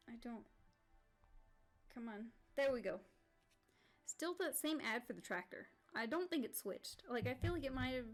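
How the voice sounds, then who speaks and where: A woman streamer chatting casually and rambling while she draws. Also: fairly high pitch. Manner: rambling, full of "like" and restarts. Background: faint background music.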